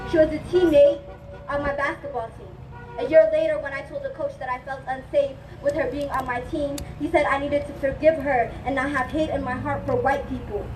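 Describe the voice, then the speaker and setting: Young woman student speaker from Ethiopia, high bright voice, impassioned spoken-word delivery, heard from a distance at an outdoor rally. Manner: impassioned, declamatory. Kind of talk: spoken-word protest speech. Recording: echoey, distant, noisy outdoor livestream.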